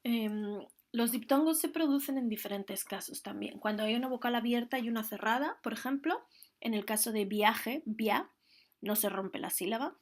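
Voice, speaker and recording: A woman's voice: a little high, normal speed. A woman teaching a grammar lesson, explaining the rules patiently and carefully, one step at a time. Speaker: Spanish teacher.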